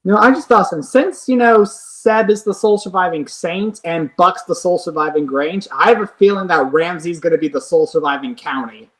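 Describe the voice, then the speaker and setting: A streamer hosts a relaxed livestream and chats with a guest. The talk runs on in long, enthusiastic stretches, full of detail, at an easy, even pitch. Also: fairly quick, hardly any pauses, low-quality recording. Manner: enthusiastic, rambling. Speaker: streamer, host. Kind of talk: casual chat.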